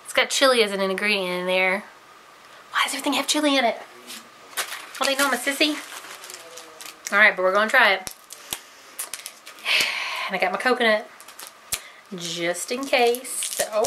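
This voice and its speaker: Woman vlogger, chatty and giggly, bright forceful voice, casual talk to camera. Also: fairly high pitch, a little hiss or hum, low-quality recording. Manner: chatty, giggly, self-deprecating. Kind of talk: casual vlog, tasting candy on camera.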